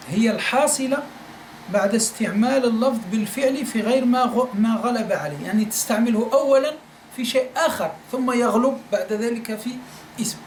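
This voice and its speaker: A man's voice: very high voice, darkish tone. A male teacher from Algeria giving a classroom lecture, repeating his points and asking listeners whether they follow. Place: study circle room. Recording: echoey room, faint noise.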